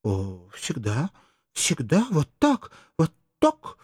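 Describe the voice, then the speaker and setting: An innocent little girl, pleading in a high childlike falsetto, put on by a man. The voice lifts well above the reader's usual register, recorded dry and close. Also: wildly swooping pitch, takes it slowly, a little mellow, husky, no room sound, heavily acted. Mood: childlike plea.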